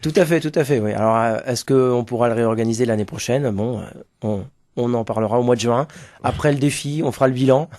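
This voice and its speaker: Un homme interviewé à la radio, qui parle spontanément en cherchant ses mots et en acquiesçant volontiers. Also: male voice, mid-range voice, quick pace, a little mellow, no room sound. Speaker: interview guest, school staff organising a charity walk team. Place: close dry radio microphone.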